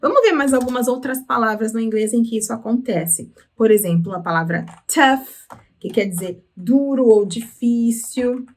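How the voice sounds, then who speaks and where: A woman with a Brazilian Portuguese accent teaching English through song lyrics, explaining patiently and slowing down on words. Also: fairly high pitch. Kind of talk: explaining lyrics in a language lesson.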